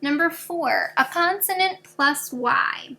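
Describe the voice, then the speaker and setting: A woman with a high, bright voice leads a recorded video lesson for fourth graders. She walks through each rule patiently, giving examples for every step. Her tone is clear and easy for children to follow. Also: takes it slowly.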